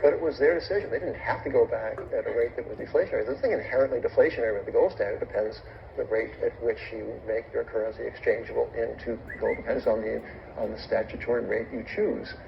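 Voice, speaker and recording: A man with a creaky, gravelly voice speaks in a formal debate. His delivery is halting and deliberate, with a wry, bookish turn. The sound is muffled, with clear noise behind him. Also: medium pitch, steady tone. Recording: dull recording with clear background noise.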